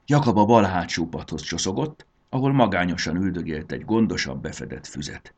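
Male narrator reading a children's story; very low, lively delivery. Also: breathy edge.

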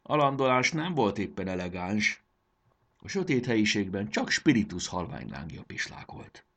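A man's voice: lowish voice, big pitch swings, bright, forceful tone, slightly rough. A man narrating a children's storybook expressively, voicing the characters.

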